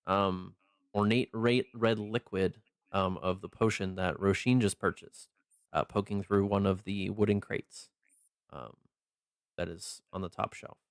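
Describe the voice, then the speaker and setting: Low voiced guy running a tabletop game, halting improvised narration, dry close sound. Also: fairly even intonation, clear, resonant tone, no room sound. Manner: halting, hesitant, pausing mid-sentence. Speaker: game master.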